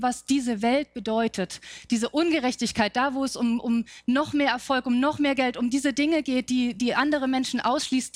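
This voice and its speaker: A woman with a slightly high voice preaches a thoughtful sermon. She raises questions and then works through the answers herself. The sound is dry and close. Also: no room sound. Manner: reflective, asks questions and answers them.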